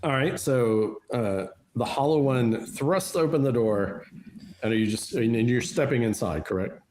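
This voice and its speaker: A man's voice: medium pitch, animated, normal speed, noisy background. A man running a tabletop role-playing game as game master, explaining rules and describing scenes patiently with many fillers and restarts.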